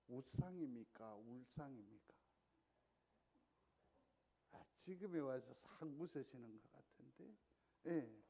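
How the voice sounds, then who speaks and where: A man's voice: mid-range voice, lively intonation, slow pace, creaky, pauses often, dark tone, slightly rough. A male pastor preaching a Sunday sermon in a conversational way, often asking the congregation questions. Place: church sanctuary.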